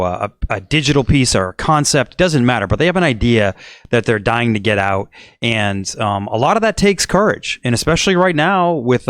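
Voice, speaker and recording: Earnest podcast co-host, dry sound. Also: male voice, mid-range voice, clean tone, dry recording. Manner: earnest, builds questions at length. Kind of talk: casual podcast hosting.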